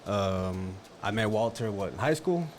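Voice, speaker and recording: A man from Dallas in his thirties co-hosting a casual sports podcast, joking and animated. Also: lowish voice, a little slow, a little hiss or hum. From Dallas, Texas. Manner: joking, animated, laughs easily. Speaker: podcast co-host.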